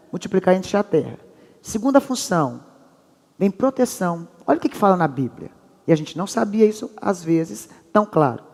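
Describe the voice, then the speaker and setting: Middle-aged woman preaching, cracks jokes, tells stories, talks right at the crowd, big echoey hall. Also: medium pitch. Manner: lively, joking storyteller who addresses the audience directly. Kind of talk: humorous sermon teaching. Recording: long reverb of a large hall.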